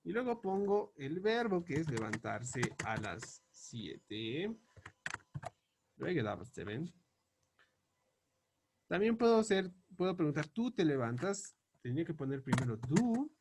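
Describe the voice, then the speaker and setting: A man teaching English grammar, spelling out example questions slowly and word by word as he writes them up. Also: on the high side, sing-song, noisy background. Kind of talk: explaining grammar on a board.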